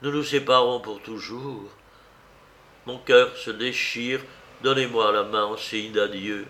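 A man's voice: medium pitch, expressive, measured pace, a bit bright, a little hiss or hum. A man voicing a troubled, earnest nobleman in an audiobook, speaking in a pleading, hesitant way.

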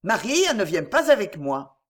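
A grave, troubled doctor, voiced by a woman narrator. He speaks solemnly and keeps his words restrained, with sorrow underneath. The storybook reading stays lively in pitch. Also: measured pace.

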